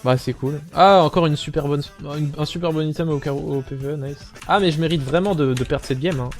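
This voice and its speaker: A young man with a Belgian French accent giving casual, animated gameplay commentary as a streamer, swearing often and talking straight to his viewers. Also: fairly high pitch, brisk, soft background music.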